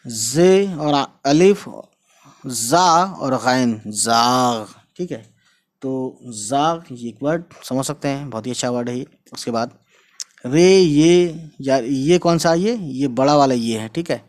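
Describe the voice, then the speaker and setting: A man's voice: medium pitch, darkish tone. A man teaching a casual language lesson, who spells out each word letter by letter and says it again and again, with English words mixed in. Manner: slow, repeats each word several times and spells it out letter by letter; mixes English words into his talk. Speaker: Urdu teacher.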